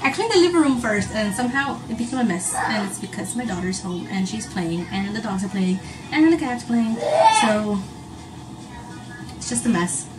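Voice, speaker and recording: A woman's voice: mid-range voice, expressive, normal speed, heavy background noise. A young woman chatting casually to the camera at home in a day-in-the-life vlog, rambling with lots of fillers and sounding tired. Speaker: vlogger. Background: soft background music.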